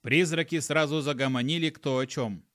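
A man narrating an audiobook in a brisk, sardonic manner, acting out his own lines. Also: on the high side, a bit bright, dry recording, clean studio sound.

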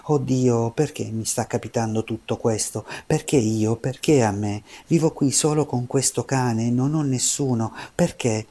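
A man's voice: medium pitch, measured pace, few pauses, warm tone. A man voicing a lonely, abandoned young man pleading to God. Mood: lamenting. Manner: pleading, lamenting. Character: lonely abandoned boy, lamenting.

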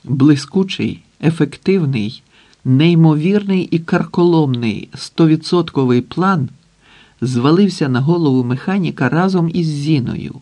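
Brief: male audiobook narrator, mid-pitched, measured dramatic delivery. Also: dark tone.

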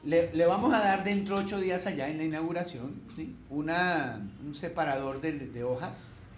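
A Colombian man preaches in a high, ringing voice that bounces around a reverberant church room. He talks to the congregation in a folksy, joking way, then climbs to emphatic peaks, with a faint hiss under the sound. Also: normal speed. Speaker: pastor. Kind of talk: conversational sermon. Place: church sanctuary.

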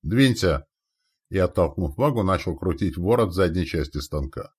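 A man with a very low voice narrating a war audiobook, his pitch rising and falling in an animated way. The reading is dramatic and vivid. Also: fairly quick, husky.

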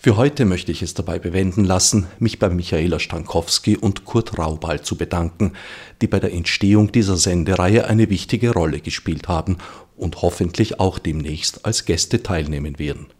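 Low husky male radio host. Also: darkish tone. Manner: formal, measured delivery. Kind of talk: scripted radio presentation.

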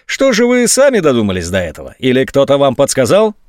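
A man reading a story aloud, voicing a scornful army general who mocks his subordinate in a high, sneering voice. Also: huge pitch swings, quick pace, dry recording, clean studio sound. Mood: sarcastic. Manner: mocking, sneering, sometimes shrill. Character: sarcastic, scornful male army general on phone.

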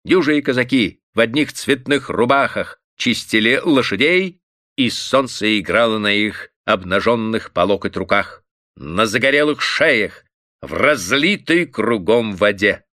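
A man narrating a literary story in an expressive, lively reading. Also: fairly low pitch, measured pace, no echo, studio quality.

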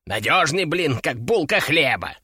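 A man voicing a grumbling, sardonic male talking parrot in an audiobook, a bit lower and slower than his narration. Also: sing-song, pushed and bright, breathy edge, dry recording, studio quality, full character voice. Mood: sarcastic. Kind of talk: audiobook character voice.

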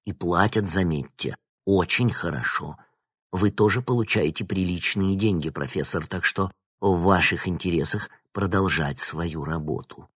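A man voicing a cold, predatory male scientist who speaks in a slow, threatening tone. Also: deep voice, a bit bright, husky, no echo, clean studio sound, exaggerated voice.

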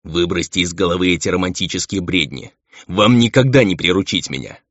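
A man plays a brooding half-demon envoy in an audiobook, low-voiced and stern. He speaks harshly and insistently. The recording is dull, lo-fi and completely dry. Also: a little fast, fairly bright tone, no echo.

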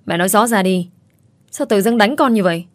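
A woman's voice: mid-range voice, fairly quick, no room sound, close to an everyday voice. A woman voicing a flustered, earnest young man. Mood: protesting. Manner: protesting, bewildered.

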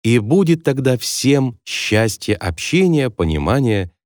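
A man's voice: medium pitch, sing-song, a little slow, a little mellow, no echo, clean studio sound. A man reading a business advice book aloud as scripted nonfiction narration, in an instructive, evenly paced manner. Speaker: audiobook narrator.

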